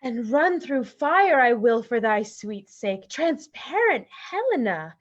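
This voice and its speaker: Woman as young male lover, earnest, slow measured verse, raised pitch, dull lo-fi sound. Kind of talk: Shakespeare reading.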